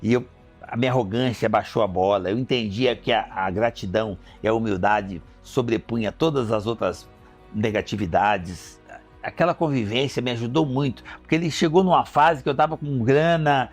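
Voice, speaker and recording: Heartfelt Brazilian man telling a story. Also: fairly low pitch. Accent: Brazilian Portuguese. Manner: emotional, acts out remembered dialogue. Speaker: entrepreneur.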